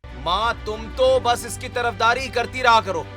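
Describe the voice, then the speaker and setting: A man voicing a drunk, bad-tempered brother who shouts abuse in a cartoon story. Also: very high voice, a little slow, over music. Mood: angry shouting. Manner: shouting, abusive, demanding.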